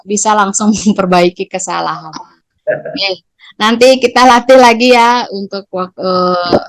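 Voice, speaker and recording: A woman's voice: lowish voice, dry recording. A middle-aged woman teacher, explaining training material to colleagues and acting out teacher and student lines. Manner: acts out teacher and student lines with shifting intonation.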